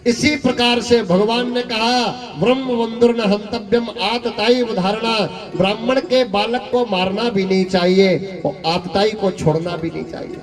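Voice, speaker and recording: Male devotional preacher, high voice, measured storytelling pace, chants verses, distant mic over live music. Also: fairly even intonation. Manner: chants Sanskrit verses, addresses the audience directly. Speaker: Bhagavat katha preacher. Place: religious gathering.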